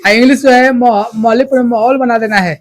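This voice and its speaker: A male teacher, teaching English to a classroom in loud, repetitive drills and often checking that students understand. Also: extremely high pitch, steady tone, a little fast.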